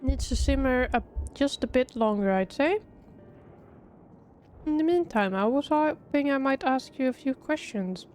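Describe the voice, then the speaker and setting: A woman's voice: sits high, expressive, measured pace, darkish tone. A woman streamer voicing a kindly village tea brewer, speaking politely in a formal, old-fashioned way, with faint violin music behind. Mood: gentle.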